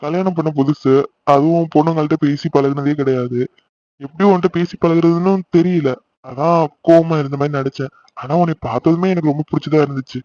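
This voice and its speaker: A man's voice: a little high, fairly even intonation, a little fast, a little mellow, no room sound, dull audio, lightly acted. A man voicing a teasing young married man who runs an office, bantering and scolding in jest. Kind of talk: cartoon voice acting.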